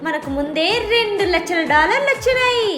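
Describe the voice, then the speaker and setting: A woman's voice: extremely high pitch, expressive, a little fast, reverberant, music in the background. Woman doing a bossy scolding mom. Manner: scolding, boastful, drawling. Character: bossy, scolding middle-aged mother chasing internet fame.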